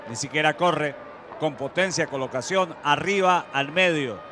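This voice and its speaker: A man working as color commentator, calmly breaking down each penalty in detail. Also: fairly high pitch, unhurried, background noise. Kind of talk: football analysis commentary. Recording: broadcast with crowd and music behind.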